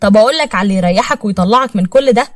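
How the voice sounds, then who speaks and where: A woman's voice: medium pitch, racing, dry recording, natural voice. A woman with an Egyptian accent voicing a young man who coaxes his friend, pushy and persuasive. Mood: coaxing. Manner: coaxing, persuasive.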